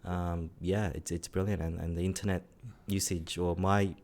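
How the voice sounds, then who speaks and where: A man's voice: deep voice, level tone, normal speed, darkish tone. A man co-hosting a tech podcast, talking casually and rambling with many fillers. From Australia. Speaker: podcast co-host.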